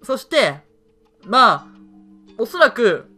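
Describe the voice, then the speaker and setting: Animated gaming guy, bright voice. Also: extremely high pitch, takes it slowly, soft background music. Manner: animated, reads dialogue aloud and reacts. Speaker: game streamer. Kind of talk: let's play commentary.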